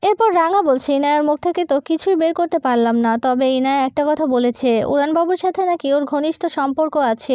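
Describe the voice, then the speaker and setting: A woman's voice: sits high, darkish tone, no echo, highs cut off. A woman narrating a TV serial recap, quoting each character's lines in her own plain voice. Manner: plain retelling, quoting characters without acting them.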